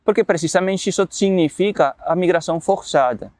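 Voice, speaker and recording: A man's voice: sits high, darkish tone, dry recording. Reflective man with a dry, close sound. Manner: reflective, explanatory, measured. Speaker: university refugee program worker. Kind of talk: documentary interview.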